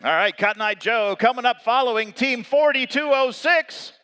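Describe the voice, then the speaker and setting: A man working as an event emcee, announcing a live competition in a showy, hyped style like a fighting game announcer, with drawn-out calls. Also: extremely high pitch, sharp tone, clear, resonant tone. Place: large indoor competition venue. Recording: echoing large arena PA.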